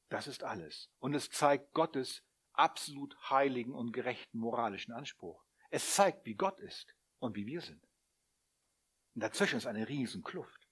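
A man preaching a sermon, who talks straight to his listeners, asks them questions and builds up to loud, emphatic appeals. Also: mid-range voice, slightly rough. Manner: addresses the listeners directly, asking them questions.

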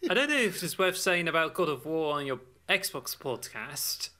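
Male podcast co-host, very bright tone, casual and halting. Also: on the high side, big pitch swings. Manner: hesitant, searches for words. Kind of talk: casual chat.

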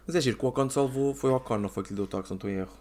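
A man's voice: medium pitch, rapid-fire, darkish tone. A man with a European Portuguese accent, casually analysing races on a talk show. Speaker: motorsport talk show panelist.

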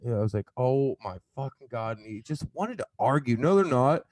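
A man's voice: mid-range voice, brisk, darkish tone, no echo. A man from the American South chatting casually, telling stories animatedly, swearing freely and acting out quotes. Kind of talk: casual chat.

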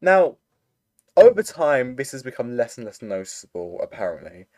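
On a voice call through his computer mic, a young guy tells a rambling, filler-heavy story in casual chat. His voice is medium-pitched, a little mellow and very animated, at a moderate pace.

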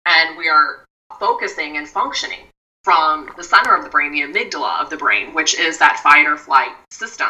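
A woman with a low voice and a sharp, bright tone, explaining things to an interviewer in a measured, step-by-step way. She often restarts her sentences. She sounds somewhat far from the mic. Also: lively intonation, highs cut off. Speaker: mindfulness expert guest.

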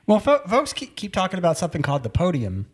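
A man's voice: high voice, wildly swooping pitch, quick pace. A man interviewing a guest, asking short questions and giving brief replies in between. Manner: brief prompts and backchannel replies. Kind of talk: casual interview.

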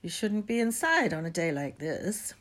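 A woman's voice: on the low side, very animated. A woman doing a silky, menacing schoolmaster. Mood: smooth. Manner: smooth, slow and silky. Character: sneering male schoolmaster, cold and menacing.

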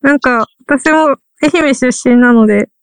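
A woman's voice: sits high, a little slow, clean tone, dry recording. A woman from Ehime who teaches English literature, chatting casually, wry and trailing off as she searches for words. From Ehime, Japan. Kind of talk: casual chat.

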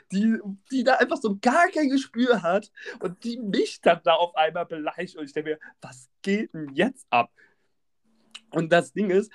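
A young man telling a wild anecdote, acting out the other people's shouted lines in raised voices. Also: a little high. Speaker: storyteller. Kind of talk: animated anecdote storytelling.

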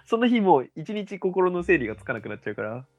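A man's voice: sits high, big pitch swings, fast talker, a little mellow, no echo, lo-fi sound. A young man in casual podcast chat, playful and joking, laughing often and drawling slang greetings. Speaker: podcast co-host.

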